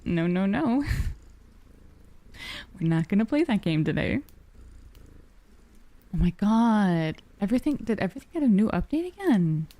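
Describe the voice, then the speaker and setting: A woman livestreamer with a soft, cozy storybook voice, chatting casually and affectionately with her viewers, using pet names. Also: mid-range voice, sing-song, a little slow, long pauses, no room sound. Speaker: livestreamer, VTuber.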